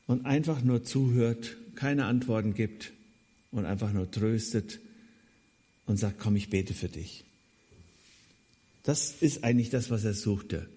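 Man giving a conversational Bible talk. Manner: conversational, addresses listeners directly, wry asides; voice swings between raised emphasis and quiet low asides. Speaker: preacher.

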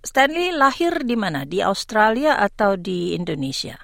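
A woman hosting a radio interview conversationally, putting her questions in an unhurried way and often rephrasing them. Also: medium pitch, very animated, creaky, fairly bright tone, no echo, clean studio sound.

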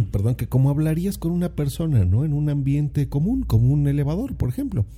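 A man's voice: fairly high pitch, big pitch swings, a little fast, warm tone, slightly rough. A man talking casually on his podcast into a condenser mic at home, explaining things in a chatty way with lots of "eh" and "¿no?". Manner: chatty, explanatory, frequent filler "eh" and "¿no?". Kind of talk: casual solo podcast talk. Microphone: condenser microphone.

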